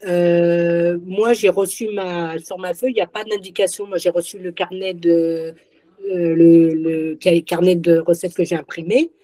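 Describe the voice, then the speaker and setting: Low, mellow-voiced woman, halting. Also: fairly even intonation, no room sound. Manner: halting, searching for words. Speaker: exam candidate.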